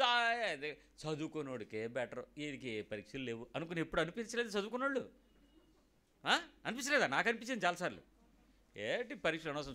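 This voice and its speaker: Brief: male preacher, fairly high and bright, lively sermon delivery with rhetorical questions and call-and-response. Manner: mixes in English phrases. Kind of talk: sermon to a congregation.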